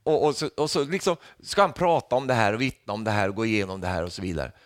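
A man preaching a sermon, lively and humorous, often tagging lines with a questioning "va?", and rising to loud calls when he quotes. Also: on the low side, dry recording, studio quality. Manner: rises to loud calls when quoting Jesus.

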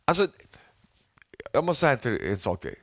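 A man preaching a sermon, lively and humorous, often tagging lines with a questioning "va?", and rising to loud calls when he quotes. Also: medium pitch, no echo, studio quality. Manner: rises to loud calls when quoting Jesus.

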